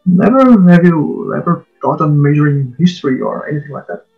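Male interviewer, kinda high gravelly voice, lots of uhs, slightly muffled audio. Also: fairly quick, soft background music. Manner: hesitant, many fillers and restarts. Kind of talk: interview questions.

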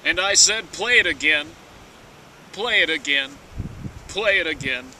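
A young man giving a dramatic reading of lyrics like a hammy stage actor, with drawn-out theatrical pauses, recorded outdoors from a few metres away. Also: fairly high pitch, lively intonation. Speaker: performer of comic dramatic readings. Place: outdoors at the edge of woods. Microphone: camera mic from a few metres away. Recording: distant camera mic, wind noise.

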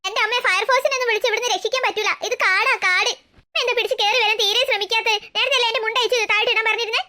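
A woman voicing a reassuring father in a cartoon who calms his mother. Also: extremely high pitch, very fast. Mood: firm. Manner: soothing, reassuring.

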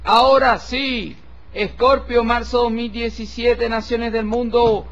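A man reading a tarot horoscope in a solemn, slow and formal way, addressing the listener with respect. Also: extremely high pitch, steady tone, a bit bright. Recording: dull lo-fi recording with faint hiss.

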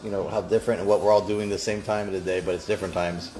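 A man's voice: sits low, level tone, racing, darkish tone, rough recording. A man casually reading out viewer comments and locations during a live cooking stream. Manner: casual, reads out where viewers are watching from.

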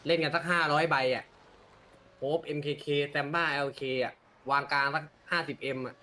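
Bright-voiced man in gang role-play. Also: on the high side, normal speed. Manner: calm, taunting gang-boss talk. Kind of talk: in-character role-play chat.

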